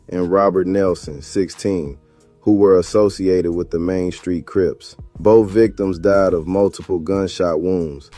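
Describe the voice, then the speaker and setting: A man reading scripted true-crime documentary narration in a measured, matter-of-fact manner. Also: sits low, warm tone. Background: music bed.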